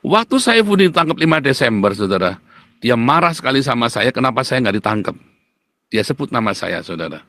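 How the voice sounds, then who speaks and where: A man preaching a sermon in an animated, boastful and scolding way. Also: mid-range voice, fairly quick, dry recording. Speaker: pastor.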